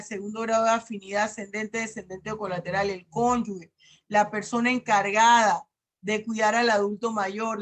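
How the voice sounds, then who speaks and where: A middle-aged woman with a Panamanian Spanish accent lectures on law at an unhurried pace. Her voice sits a little high as she reads legal articles aloud and explains them with everyday examples. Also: a bit bright. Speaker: law professor.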